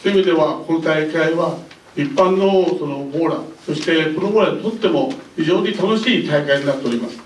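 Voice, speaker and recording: An older man in his seventies, a bowling federation director, giving polite, unhurried press conference remarks into a handheld mic. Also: fairly high pitch, slight background noise. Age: older, about 70s. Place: indoor press conference room. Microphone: handheld microphone. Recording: roomy, mic a bit distant.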